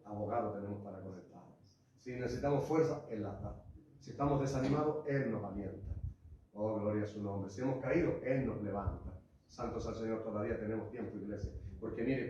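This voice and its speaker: A man preaching a sermon as pastor, passionate, rising to loud cries and dropping to low asides, calling his listeners brother and church. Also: slight background noise. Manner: addresses the congregation as "hermano" and "iglesia". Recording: echoey hall, voice far from the mic, muffled.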